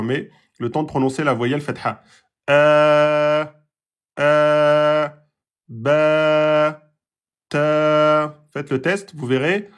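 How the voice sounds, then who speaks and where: A man teaching pronunciation in a patient lesson, repeating points, checking with his students and sounding out vowels himself. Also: on the high side. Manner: demonstrates vowel sounds aloud. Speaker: Quran recitation teacher. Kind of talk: slow, patient explanatory lesson.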